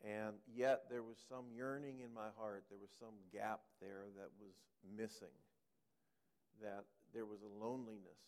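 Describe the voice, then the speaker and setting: A man speaking to a church congregation as a guest speaker and author, earnest and unhurried, often pausing with ums. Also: fairly low pitch, fairly even intonation, darkish tone, in a large hall. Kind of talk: sermon. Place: church sanctuary.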